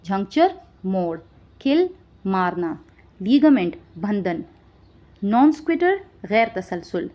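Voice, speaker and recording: A woman teaching vocabulary, listing each word with its meaning and often checking understanding with a quick question. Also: mid-range voice, very animated, dark tone, muffled recording. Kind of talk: spoken vocabulary lesson.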